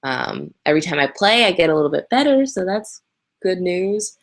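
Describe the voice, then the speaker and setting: This host is a young Canadian woman running a laid-back live Q&A into her webcam, talkative and candid, laughing readily and full of ums. Her fairly low voice has a sing-song lilt at a normal speed.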